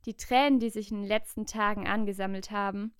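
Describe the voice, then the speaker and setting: A woman's voice: mid-range voice, fairly even intonation, fairly quick, smooth, no echo, clean studio sound. A woman narrating a dramatic story in the first person, earnest and emotional.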